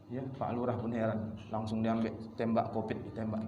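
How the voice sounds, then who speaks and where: Preacher in an echoey mosque hall. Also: male voice, fairly low pitch, moderate pace, phone-quality sound. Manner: lively, conversational, acts out little dialogues. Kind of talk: mosque sermon to a congregation. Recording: echoey hall with background noise.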